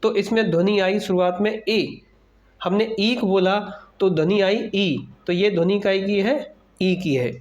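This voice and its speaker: A man's voice: high voice, a little slow, a little mellow. A male teacher giving a children's alphabet lesson, asking a question and answering it himself, repeating each sound. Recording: dull lo-fi recording.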